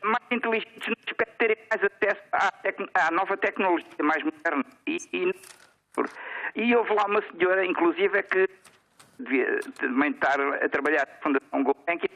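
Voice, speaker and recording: A man's voice: high-pitched, gravelly, pushed and bright. Garbled underwater-sounding phone caller, European Portuguese man. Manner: halting, with many fillers and restarts. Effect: muffled, garbled phone line that sounds like talking underwater. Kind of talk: casual call-in comment on a TV talk show. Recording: muffled lo-fi phone line.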